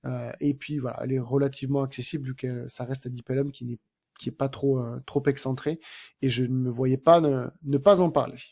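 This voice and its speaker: Dark-voiced man chatting casually. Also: mid-range voice, fairly even intonation, brisk, husky. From France. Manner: hesitant, many filler sounds and restarts while describing places. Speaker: podcast co-host. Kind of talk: casual podcast chat.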